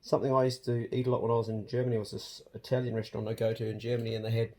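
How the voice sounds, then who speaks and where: A man's voice: mid-range voice, little pitch movement, racing, a little mellow, slight background noise. A man with a broad New Zealand accent chatting casually to his vlog viewers in a plain-spoken, colloquial way. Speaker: vlog host.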